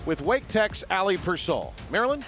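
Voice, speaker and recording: A man's voice: high voice, sing-song, moderate pace, soft background music. A man calling American football live as the play-by-play announcer. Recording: loud crowd and stadium noise.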